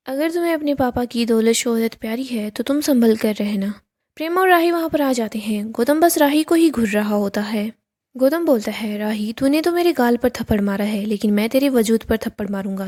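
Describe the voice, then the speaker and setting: A woman reading a scripted recap of a TV serial, telling the scenes and reading the characters' lines aloud in an even storytelling tone. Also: fairly high pitch.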